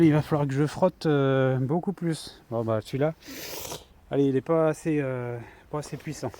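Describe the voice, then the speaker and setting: A man's voice: medium pitch, warm tone, slight background noise. A man narrating a casual do-it-yourself vlog beside a van, chatting and thinking aloud with many fillers while he works. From France. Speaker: van builder.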